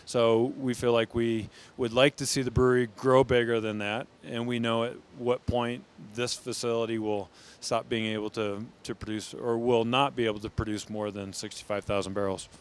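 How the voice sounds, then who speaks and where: Middle-aged American man, brewery founder type, mid-pitched smooth voice, thoughtful, interviewed with a handheld mic among steel tanks. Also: level tone, normal speed, hardly any pauses. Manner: thoughtful, with frequent restarts. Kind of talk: on-camera interview.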